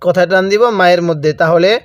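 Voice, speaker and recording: A Quran recitation teacher, a man with a Bangladeshi Bengali accent, leads a slow, syllable-by-syllable lesson. His voice sits fairly high and sounds smooth and clear. The recording is close and dry, with no room sound. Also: steady tone, dry recording. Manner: patient, breaks words into syllables and has listeners repeat.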